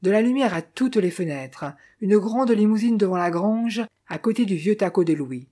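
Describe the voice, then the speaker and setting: A reader voicing a weary middle-aged male drifter who calmly tells what he saw, in an audiobook. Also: medium pitch, lightly acted. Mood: recounting. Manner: calm, measured storytelling in the first person. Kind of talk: audiobook reading of a character.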